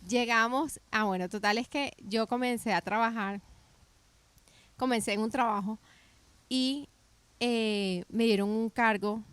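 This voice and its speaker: A middle-aged woman from Colombia, telling her story in a casual faith podcast chat, animated and often restarting her sentences. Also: a little high, unhurried, pauses often, smooth, no echo. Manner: animated storytelling with many restarts and self-corrections.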